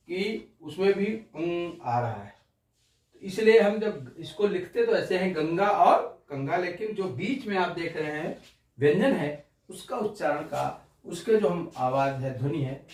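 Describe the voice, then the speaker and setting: A man's voice: on the high side, darkish tone. Man drilling Hindi letters in an echoey room. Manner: slow, deliberate syllable-by-syllable drilling. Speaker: Hindi teacher. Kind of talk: classroom-style pronunciation lesson. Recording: roomy, distant mic.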